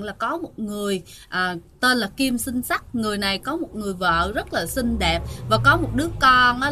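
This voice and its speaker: Brief: woman, casual storyteller, bright voice, talks straight to listeners. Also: fairly high pitch. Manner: chatty, addresses listeners, many fillers. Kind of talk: casual storytelling of a ghost tale.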